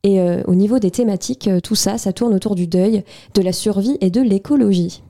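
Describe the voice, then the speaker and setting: A woman's voice: mid-range voice, a little fast, mellow. A young woman co-hosting a radio music show, presenting new album releases playfully and joking about her own puns. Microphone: studio microphone.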